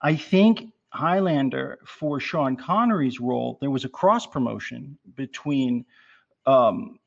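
Male panelist, casual film talk, halting delivery, slightly raspy. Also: mid-range voice, highs cut off. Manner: hesitant, lots of ums and restarts. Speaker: podcast panelist.

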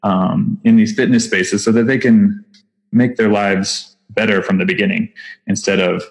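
A nonprofit founder with a Texas accent talks as a podcast guest, casual and enthusiastic, full of fillers and restarts. His voice is lowish and fairly even, at a normal speed, and the recording is rough.

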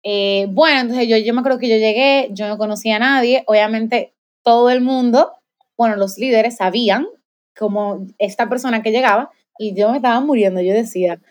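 A young woman shares a heartfelt personal faith testimony as a guest in conversation, with lots of fillers and restarts. Her voice is a little high and fairly quick.

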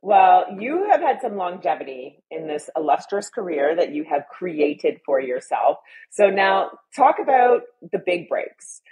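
A woman's voice: on the low side, sing-song, a little slow, a little mellow, low-quality recording. A woman hosting an interview, chatty and casual, talking with lots of fillers. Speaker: host.

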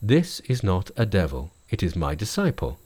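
Guy playing a polite calm monk on a pilgrimage, measured and gentle-spoken, storybook voice. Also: sits low, slightly rough, full character voice. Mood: courteous.

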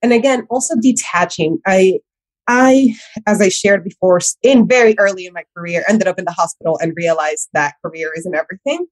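A woman from Honduras speaks as a career coach in a relaxed interview, earnest and reflective. She often restarts her sentences mid-thought. Her voice sits at a middle pitch and sounds dry and close to the mic. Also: fairly quick, no room sound, poor audio. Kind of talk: casual interview talk.

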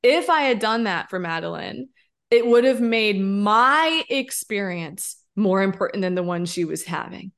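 A woman in her thirties co-hosting a podcast, talking in an emphatic, expressive, candid way and often tossing in a rhetorical "right?". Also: medium pitch, measured pace. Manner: candid, occasionally swearing. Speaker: podcast co-host. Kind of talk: casual podcast conversation.

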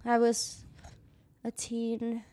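A woman's voice: on the high side, completely flat delivery, extremely slow, warm tone. A woman in her twenties chatting casually as a podcast guest in an echoey room. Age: 20s. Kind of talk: casual chat.

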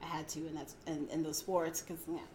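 A woman's voice: sits low, level tone, fast, warm tone, slight background noise. A woman in her forties, a podcast guest telling her story in a rambling, casual way with frequent laughter and fillers. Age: 40s. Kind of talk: casual interview chat.

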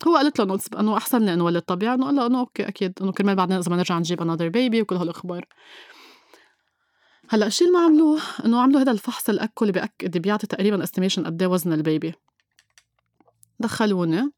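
A woman's voice: mid-range voice, expressive, rapid-fire, darkish tone, dry recording, clean studio sound. A woman with a Lebanese Levantine Arabic accent tells a personal story as an interview guest, emphatically repeating phrases and mixing in English words.

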